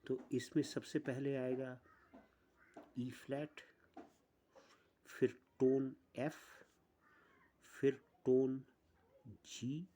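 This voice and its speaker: A man teaching an online music lesson, explaining step by step with pauses. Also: mid-range voice, little pitch movement, mellow.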